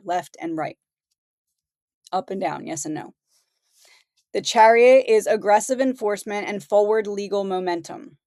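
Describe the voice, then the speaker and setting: A woman's voice: mid-range voice, a little mellow, dry recording. Woman losing her voice, dry sound. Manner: conversational, reads headlines aloud. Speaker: host. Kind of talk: casual commentary.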